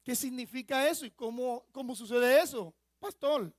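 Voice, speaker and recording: In a church sanctuary, a male pastor from the Dominican Republic preaches a sermon, explaining a word and teaching through rhetorical questions to the congregation. His voice is very high-pitched and moderately paced, recorded with clean studio sound and no echo.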